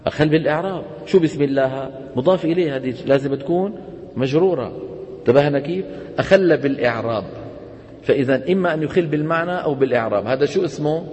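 A man teaching Quran recitation rules, quizzing his students with quick questions and answering them himself. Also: fairly high pitch, a little mellow, big-room sound, lo-fi sound. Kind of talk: classroom lecture on tajweed.

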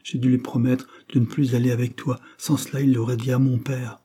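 A man's voice: mid-range voice, level tone, fairly quick, voice pushed up, natural voice. Man voicing Anna, a timid young girl. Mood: pleading. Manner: soft, pleading.

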